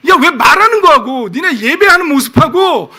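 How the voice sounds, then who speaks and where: A fed-up God scolds his people in blunt, casual words, and his voice climbs high and grows loud and forceful. A man puts the voice on in the middle of a sermon. The scolding rises in sharp surges. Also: big pitch swings, moderate pace, exaggerated voice.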